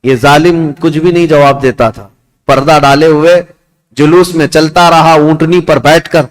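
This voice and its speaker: A man's voice: steady tone, unhurried. A man preaching a sermon, telling a story with passion and calling his listeners his dear ones. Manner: impassioned storytelling, rising pitch at climaxes. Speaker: Islamic preacher.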